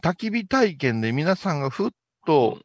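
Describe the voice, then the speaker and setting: A man's voice: fairly high pitch, moderate pace, husky, no echo. A middle-aged man, a Buddhist monk hosting a casual chat show, with a playful, joking manner. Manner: playful, jokey, animated.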